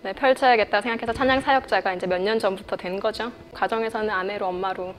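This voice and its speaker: A woman's voice: medium pitch, steady tone, fast talker, a little hiss or hum. A woman in her thirties, a classical and gospel singer, answering interview questions in an earnest, candid way and laughing often. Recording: music bed under the voice. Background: soft instrumental music.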